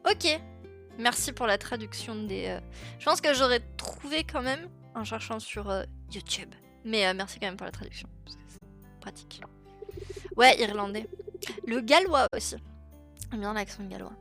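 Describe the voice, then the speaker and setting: A woman's voice: on the high side, normal speed, long pauses, fairly bright tone, soft background music. A woman streamer chatting casually and rambling on a gaming livestream, reading game dialogue aloud as she plays. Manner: chatty and rambling, with frequent fillers and laughs; reads game dialogue aloud while playing.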